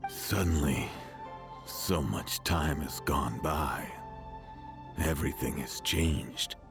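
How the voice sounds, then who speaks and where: A kindly old villager from a fantasy game. His voice is very low and slow. He speaks gently, like someone long alone. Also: over music, heavily acted. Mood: gentle. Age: older. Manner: slow, soft-spoken, kindly. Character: old hermit man, gentle and weary. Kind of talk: game voice acting.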